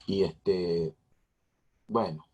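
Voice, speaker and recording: Middle-aged male pastor, husky, low-pitched, preaching emphatically with lots of repetition. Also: fairly even intonation, extremely slow, mellow, muffled recording. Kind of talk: sermon.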